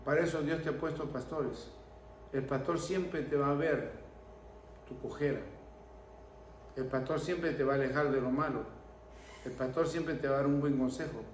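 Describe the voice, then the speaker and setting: A man's voice: a little high, steady tone, moderate pace, pauses often, distant mic, slight background noise. Preaching man in an echoey room. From Venezuela. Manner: preaching with storytelling and a closing prayer. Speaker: pastor. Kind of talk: sermon.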